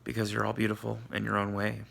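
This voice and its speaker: Casting: male vlogger, heavy vocal fry, bright edge, groggy and sore post-op, candid and casual. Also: lowish voice, completely flat delivery, fast. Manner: candid, self-deprecating, salty-tongued. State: groggy, sore after surgery. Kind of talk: casual confessional video diary.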